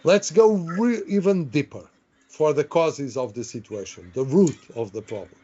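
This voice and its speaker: A man's voice: a little high, lively intonation, moderate pace, warm tone, slight background noise. A man teaching a live online workshop, chatty, repeating himself and asking the audience questions. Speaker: webinar trainer. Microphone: video call. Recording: dull lo-fi online call audio.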